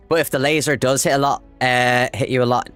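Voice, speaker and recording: An Irish man chatting casually while livestreaming a game, excitable and swearing freely as he talks to his chat. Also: mid-range voice, normal speed, vocal fry, no room sound, soft background music. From Ireland. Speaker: livestream gamer. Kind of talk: casual live gameplay chat.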